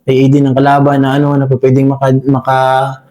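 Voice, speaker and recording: A man, a soldier, recounting a combat encounter in an interview, talking haltingly with many fillers and addressing the listener as sir over and over. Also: medium pitch, completely flat delivery, warm tone. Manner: halting, full of fillers, says "sir" constantly. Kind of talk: spoken war story in an interview.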